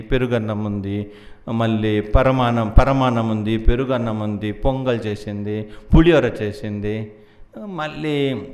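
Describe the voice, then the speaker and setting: A man's voice: medium pitch, reverberant. A man preaching a devotional story in a playful way, laughing often and acting out the characters.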